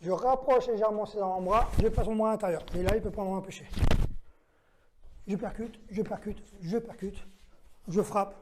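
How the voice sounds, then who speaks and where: A man's voice: high voice, moderate pace, noisy background. A man instructing self-defense who walks through each move step by step, counts out the moves and gives short commands to a training partner. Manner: methodical, counts out moves and checks in with "d'accord?". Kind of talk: demonstration lesson.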